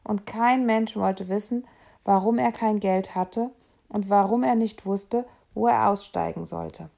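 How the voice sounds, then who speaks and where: A woman narrating a children's novel aloud in a steady, expressive storytelling manner. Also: medium pitch, measured pace, creaky. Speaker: reader.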